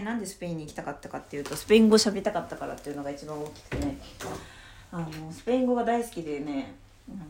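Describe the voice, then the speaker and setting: A woman's voice: fairly low pitch, warm tone, roomy sound, a little hiss or hum. A woman hosting her own podcast from her room, chatting casually and rambling reflectively with lots of fillers, sleepy at the start. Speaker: podcast host. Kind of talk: casual solo podcast talk.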